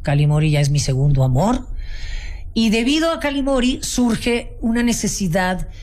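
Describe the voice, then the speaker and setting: A woman's voice: mid-range voice, animated, moderate pace. A woman with a Mexico City Spanish accent, a guest telling her story in a casual interview, passionate and full of restarts. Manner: warm, passionate storytelling with many restarts and fillers. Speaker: guest, founder of a folk art business.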